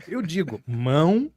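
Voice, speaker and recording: A man's voice: on the high side, darkish tone, dry recording, studio quality. Joking male podcast co-host. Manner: joking, laughing anecdote teller. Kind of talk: casual chat.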